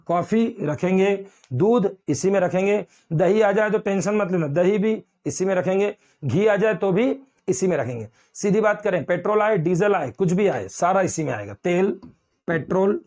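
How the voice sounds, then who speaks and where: Teacher, male, high-pitched voice, drills terms by repeating them, quizzes and answers himself. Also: darkish tone. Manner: repeats key words, asks and answers own questions. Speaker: Hindi grammar teacher. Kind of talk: classroom lecture.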